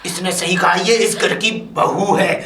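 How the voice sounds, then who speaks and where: A man's voice: sits high, fairly even intonation, unhurried, bright, forceful tone, a little hiss or hum. An actor playing a stern father-in-law who rules the house, scolding and commanding. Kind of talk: low-budget Hindi drama acting. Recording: echoey room.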